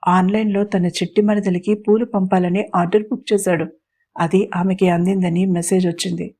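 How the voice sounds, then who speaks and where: A woman narrates an audio story with a mellow, warm tone. Her delivery is steady and scripted. Between the narration she slips into small voice shifts for each character. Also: medium pitch, normal speed.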